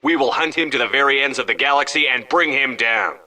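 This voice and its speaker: An actor voicing a resolute, stern starship commander in a video game, with a firm, controlled, commanding delivery. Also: male voice, mid-range voice, brisk, pushed and bright. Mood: rousing, determined.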